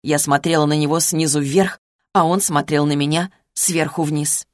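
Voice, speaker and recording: Low-voiced woman narrating a novel. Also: steady tone, moderate pace, no room sound, studio quality. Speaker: audiobook narrator. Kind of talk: scripted first-person novel narration.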